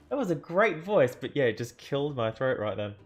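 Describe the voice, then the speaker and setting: A man's voice: on the high side, big pitch swings, moderate pace, vocal fry, faint music behind. A man narrating an interactive fantasy adventure book aloud, theatrical, with joking asides and self-corrections. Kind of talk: dramatic storybook narration.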